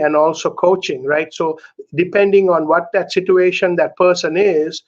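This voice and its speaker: A middle-aged Sri Lankan author, interviewed as a guest, speaks earnestly in a somewhat high voice and keeps tagging his points with "right?" to check in. The conversation is candid, and the video call audio sounds dull and muffled.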